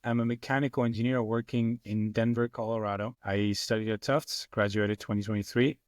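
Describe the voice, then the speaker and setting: A man's voice: on the low side, level tone, brisk, dry recording, clean studio sound. A man in his twenties from Argentina, a podcast guest speaking thoughtfully and a little hesitantly. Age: 20s. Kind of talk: casual conversation.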